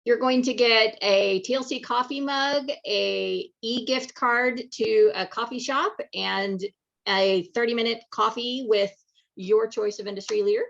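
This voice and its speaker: A woman's voice: fairly high pitch, fairly even intonation, unhurried, gravelly, a bit bright, highs cut off. A woman hosting a live online community event, chatty and upbeat, with plenty of fillers. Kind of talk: casual live webinar hosting.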